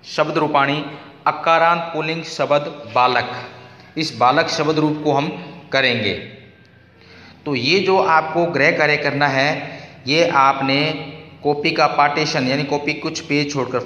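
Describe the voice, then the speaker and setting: A man teaching a class of children, giving patient instructions and slowly chanting word forms over and over. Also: on the high side, pushed and bright. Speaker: school teacher. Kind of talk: recorded online lesson. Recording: echoey room with long reverb.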